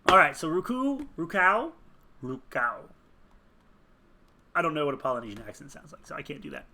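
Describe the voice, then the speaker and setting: Gravelly, bright-voiced man muttering to himself. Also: on the high side, big pitch swings, fast. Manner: rambling, muttering to himself, laughing at own jokes. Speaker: streamer building a game character. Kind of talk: casual thinking aloud while searching online.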